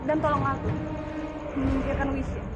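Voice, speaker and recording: A woman playing a jealous, hot-tempered young villainess in a fantasy drama, sharp and demanding. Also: high voice, flat delivery, moderate pace, over loud music, natural voice. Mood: pleading. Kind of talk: fantasy television drama acting.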